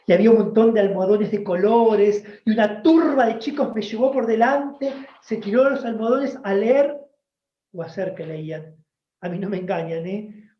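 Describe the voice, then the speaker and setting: A man from Argentina with an Argentine accent, an oral storyteller telling a tale at a public talk with deliberate pauses and emphasis. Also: high voice, echoey room, lo-fi sound. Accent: Argentine Spanish.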